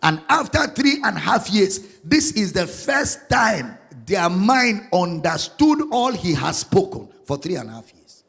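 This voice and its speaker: A man preaching a sermon as a pastor, singing out scripture lines and spelling words slowly. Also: high voice, sing-song, vocal fry, fairly bright tone, slightly rough, in a large hall, faint music behind.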